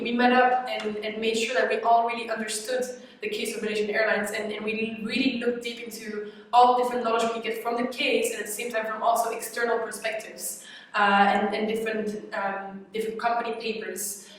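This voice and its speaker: A woman from Belgium giving a team case presentation, hesitant with many repeated words and fillers. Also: fairly high pitch. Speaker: student presenter. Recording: echoey room from a distance.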